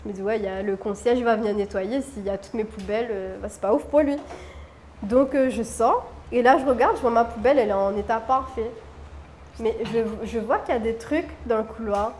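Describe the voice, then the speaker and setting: Expressive woman telling a dramatic story. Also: fairly high pitch, fairly quick, slight background noise. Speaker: guest. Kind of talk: animated storytelling. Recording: roomy room with faint music.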